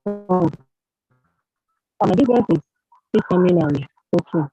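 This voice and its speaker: A woman's voice: lowish voice, animated, measured pace, mellow, faint music behind. Woman on wobbly, warbling call audio. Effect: wobbly, warbling call audio from a poor network. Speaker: caller on video meeting. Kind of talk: casual call-in talk. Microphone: phone on a video call. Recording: dull lo-fi call line.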